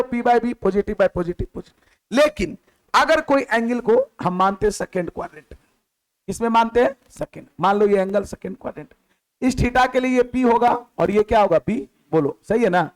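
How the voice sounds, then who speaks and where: A man teaches a maths lecture in a high, light voice. He fires questions at the class, repeats the key word, then answers it himself with a drop in tone. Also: low-quality recording. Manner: repeats key words, drops to a lower voice on the answer.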